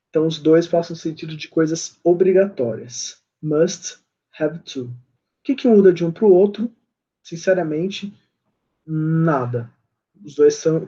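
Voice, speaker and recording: A man with a Brazilian Portuguese accent teaching a basic English class, patiently reading English examples slowly and then translating them. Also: fairly high pitch, mellow, husky, dull audio. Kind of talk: online English class explanation.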